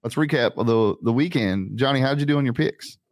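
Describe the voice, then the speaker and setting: A man hosting a sports betting show, chatting casually and rattling off his picks with quick exclamations. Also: medium pitch.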